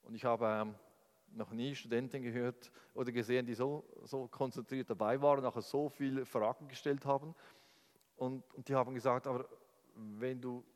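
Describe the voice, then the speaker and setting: A man giving a sermon, retelling a story in a soft storytelling manner and often repeating words. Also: mid-range voice, fairly even intonation, moderate pace. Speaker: preacher. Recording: long hall reverb.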